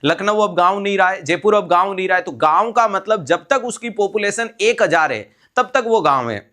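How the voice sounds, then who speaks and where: A man's voice: high voice, animated, brisk, bright, forceful tone. A man teaching a live online nursing exam class, explaining step by step, repeating key terms and checking that students follow. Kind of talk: online exam-prep lecture.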